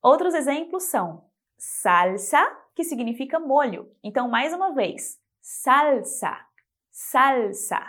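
Female teacher, high animated voice, clear slow modeling of words, scripted lesson. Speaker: Spanish teacher.

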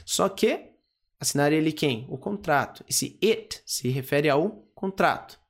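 A Brazilian English teacher with a gravelly, creaky edge to a mid-range voice. They walk through each phrase patiently, repeating words and checking in with the learners. The delivery is steady and instructional. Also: medium pitch, a little slow. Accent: Brazilian Portuguese. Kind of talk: English lesson explained in Portuguese.

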